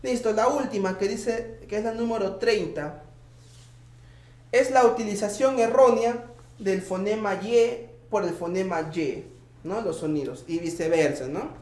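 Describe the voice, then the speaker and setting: A man's voice: sits high, measured pace, a little mellow. A male teacher patiently going over exam answers, constantly checking in with his students. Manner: patient, checks in with tag questions. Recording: echoey room.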